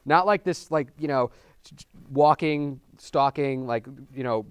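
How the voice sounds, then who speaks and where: A man co-hosting a film review show, joking and talking to the viewers in an animated, casual way. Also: mid-range voice, a little slow, smooth, no echo. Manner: animated, jokey, talks to viewers as folks. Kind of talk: casual movie review chat.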